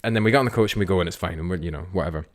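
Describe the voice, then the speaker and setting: A man's voice: deep voice, rapid-fire. A young man co-hosting a casual podcast chat, telling rambling stories with many restarts and acting out what he said. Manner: rambling storyteller, many restarts, acts out his own quotes. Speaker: podcast co-host.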